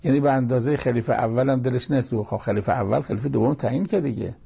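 A man's voice: medium pitch, creaky, dark tone, husky. A man giving a religious lecture, explaining verses in a plain conversational teaching manner with quoted asides. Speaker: cleric.

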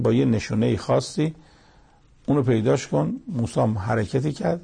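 This man's medium-pitched voice is gravelly and mellow with a breathy edge. Offering brief verse-by-verse commentary on the Quran, he narrates the story in a plain way with colloquial asides and common sayings.

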